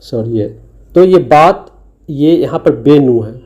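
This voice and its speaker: A man's voice: medium pitch, lively intonation, slow, darkish tone, highs cut off. A man teaching Urdu letters over slides, patiently sounding out letters and syllables one by one. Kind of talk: recorded lesson explaining a slide.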